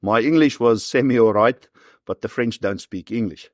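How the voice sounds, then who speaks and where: An interview guest in his forties, a professional hunter and former soldier with a South African accent, tells stories in an easygoing, conversational manner. His mid-range voice moves at a normal speed, captured in dry studio-quality sound with no room noise.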